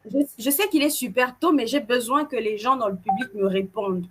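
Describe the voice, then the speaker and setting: Woman co-host from Cameroon, animated and playful with the crowd, slightly high pitch. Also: fairly quick, breathy edge. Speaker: event co-host. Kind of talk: casual presenting to an audience.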